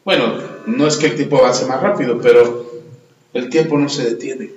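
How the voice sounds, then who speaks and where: A pastor preaching a sermon and telling stories, often putting questions to the congregation. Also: male voice, medium pitch, normal speed, dull audio, a little hiss or hum. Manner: storytelling, asks the congregation questions. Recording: echoey hall, long reverb.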